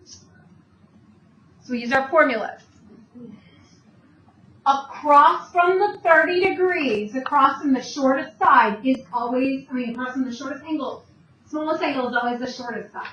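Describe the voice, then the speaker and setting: High-voiced woman teaching math in an echoey room. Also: unhurried, pauses often, fairly bright tone. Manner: explains step by step, asks questions and answers them herself. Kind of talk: recorded classroom math lesson. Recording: distant, dull, echoey room with faint noise.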